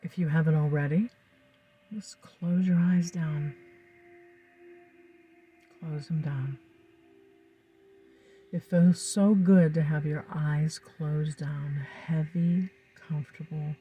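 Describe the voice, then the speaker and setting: In a calm guided induction, a hypnotist speaks softly and breathily in a soothing tone. Slow phrases are separated by lingering pauses, the voice sits in the mid-range, and the sound is lo-fi.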